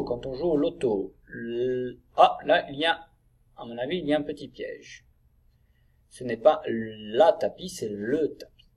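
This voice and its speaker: A man teaching a reading lesson to young children, sounding out syllables slowly and clearly. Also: mid-range voice, darkish tone.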